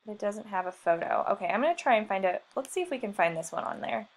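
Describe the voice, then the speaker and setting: Lively intonation and a quick pace mark this medium-pitched woman's delivery as she runs a screen-share software tutorial. A marketing trainer, she keeps things chatty, jokes at her own expense, and thinks out loud as she clicks.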